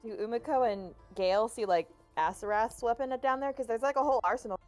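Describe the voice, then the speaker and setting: A woman's voice: fairly high pitch, fast talker, a little mellow, soft background music. A woman playing a tabletop game, describing her character in a matter-of-fact way. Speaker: player. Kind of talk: casual game chat.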